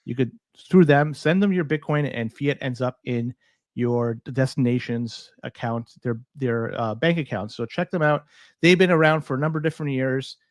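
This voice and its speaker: A Canadian podcast host with a medium-pitched voice speaks at normal speed, no echo. He chats casually and reads live sponsor spots in an upbeat, salesy way.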